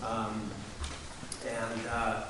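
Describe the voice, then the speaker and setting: A man giving a wry, halting memorial speech full of anecdotes, often pausing to clear his throat. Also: fairly low pitch, completely flat delivery. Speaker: eulogy speaker, science reporter. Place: community hall memorial gathering. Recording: echoey hall, distant mic, hiss.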